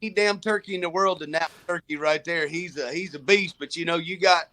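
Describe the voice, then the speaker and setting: A man from Alabama with an Alabama accent, a land manager speaking plainly with halting fillers. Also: fairly high pitch, pushed and bright. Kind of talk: casual podcast chat.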